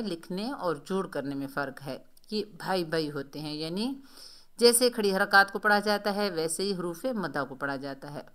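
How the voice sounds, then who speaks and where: Woman teaching recitation really slow, bright crisp voice, goes letter by letter. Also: lowish voice. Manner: explains each letter, then chants the verse slowly. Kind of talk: slow step-by-step lesson.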